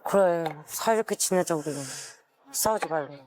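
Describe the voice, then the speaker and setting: A woman's voice: lowish voice, moderate pace, darkish tone. A woman, the daughter in a documentary, talking informally and emotionally with her father. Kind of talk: casual family talk.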